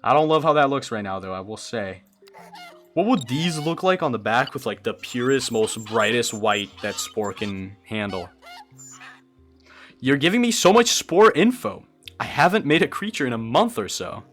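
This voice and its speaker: Chatting with viewers as he builds a game creature on stream, a young Brazilian man with Portuguese as his first language often stammers and restarts as he thinks out loud. His medium-pitched voice is animated and fairly bright at a normal speed, with faint music in the background.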